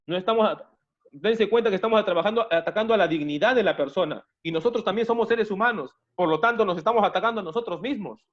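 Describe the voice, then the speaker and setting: A man from Peru runs an online class in a repetitive way, with many restarts and frequent calls to the "jóvenes," his young students. He's a fast talker whose voice sits high, and the audio is dull.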